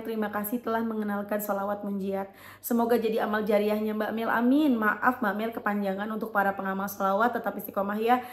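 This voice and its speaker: A woman host reading out a viewer's letter and talking to her audience, expressive and emotional. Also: mid-range voice. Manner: expressive, emotional, lively swings in loudness. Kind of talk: reading a letter, then heartfelt talk to viewers. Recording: roomy, echoey room.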